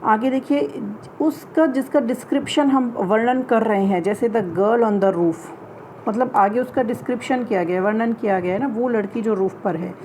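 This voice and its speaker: A fairly high-pitched woman teaches a grammar lesson, explaining in Hindi and slowing down to read out English example sentences. Faint noise hums behind her voice. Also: a little mellow, low-quality recording. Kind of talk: classroom-style grammar lesson.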